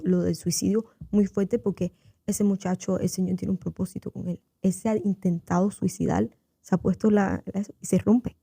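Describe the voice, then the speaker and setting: A woman's voice: fairly low pitch, gravelly, mellow, slightly rough, no room sound, studio quality. A woman giving her personal faith testimony as a guest on a radio interview, telling her story earnestly, acting out the voices she quotes and dropping in English fillers. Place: radio studio.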